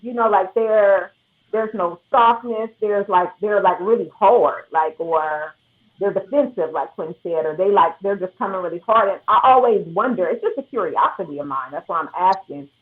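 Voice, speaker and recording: A woman's voice: mid-range voice, moderate pace. Woman questioning over a tinny line. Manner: curious, questioning, heavy use of "like". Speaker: panelist. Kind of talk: casual live panel talk.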